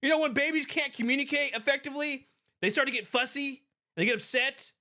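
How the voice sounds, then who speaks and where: A woman whose voice sits high talks a little fast while hosting a podcast. In the role of a private security expert, she gives casual, emphatic commentary on a video clip, restarting often and laughing along the way.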